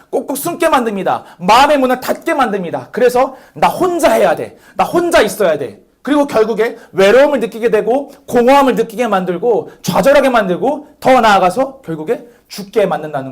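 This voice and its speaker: Animated young male youth preacher. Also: extremely high pitch. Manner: animated preaching, rhetorical questions, calls on listeners by name. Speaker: youth pastor. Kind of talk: sermon.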